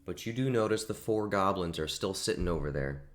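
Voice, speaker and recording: A man's voice: deep voice, animated, fairly quick. A young man narrating as game master, casually explaining rules and laughing easily.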